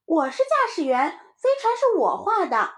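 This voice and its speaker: A woman voicing a cheeky little boy in a storybook, with a high chirpy child voice and a boastful manner. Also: very animated, moderate pace. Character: cheeky little boy proud of his drawing.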